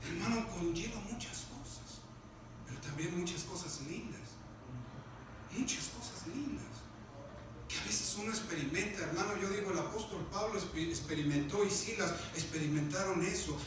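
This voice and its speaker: Male pastor, fervent preacher with a high voice, quiet asides building to loud outbursts; recorded from afar in a very echoey room with steady background noise. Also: moderate pace. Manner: addresses listeners as "hermano" constantly. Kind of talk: sermon. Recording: echoey church room, mic far away, background noise.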